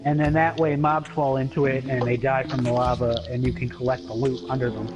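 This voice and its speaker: A man co-hosting a casual let's-play chat, explaining things at length in a halting way with lots of fillers and the odd swear. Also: mid-range voice, little pitch movement, muffled recording. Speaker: co-host of a gaming channel. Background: game music.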